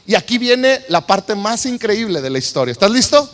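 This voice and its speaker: A man preaching, retelling a Bible story with animated, acted-out quotes. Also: high-pitched, moderate pace. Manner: animated, acts out scenes with shouted quotes. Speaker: pastor. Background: soft piano.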